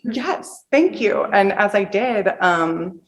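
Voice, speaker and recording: Taking her time, this woman speaks in a mid-range voice with lively intonation. She's an American author from the Pacific Northwest at a book reading, fielding audience questions candidly and casually with slangy, informal wording.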